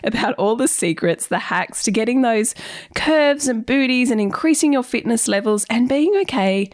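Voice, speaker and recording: A woman with a croaky, slightly tired voice, hosting a podcast in a chatty, informal way. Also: fairly high pitch, expressive, normal speed. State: croaky and fatigued from illness. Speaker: podcast host. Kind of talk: podcast introduction and interview questions.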